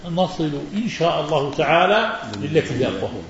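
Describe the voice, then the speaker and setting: A man with a slightly high voice delivers a religious lesson and takes questions from listeners, talking fairly quickly with emphatic, animated stress and acting out mispronunciations. The audio is muffled and drenched in heavy hall echo, with faint background noise and crowd sounds.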